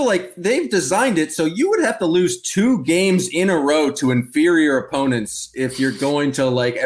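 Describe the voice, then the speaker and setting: Male podcast host, a bit higher-pitched, opinionated, loose and jokey. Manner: rambling, opinionated, joking. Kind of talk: casual sports podcast chat.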